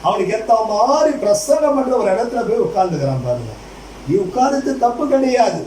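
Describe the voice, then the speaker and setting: A man's voice: high-pitched, very animated, fairly quick, darkish tone, roomy sound, far from the mic, a little hiss or hum, low-quality recording. A male pastor preaching a fervent sermon, putting rhetorical questions to the congregation and addressing them directly again and again.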